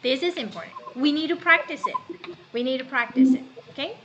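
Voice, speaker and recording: A woman's voice: high-pitched, fairly quick, highs cut off, background noise. A woman from Myanmar teaching a class, asking her students questions as she goes and slipping into Burmese now and then. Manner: animated, asks students questions, switches into Burmese. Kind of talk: classroom lesson.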